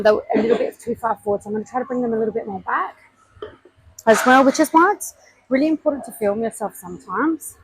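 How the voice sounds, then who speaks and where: Wearing a body mic, a woman vlogs her workout casually, coaching viewers on technique and calling out her rep counts, breathless between sets. She sounds a bit high and husky, in a rough recording with no echo.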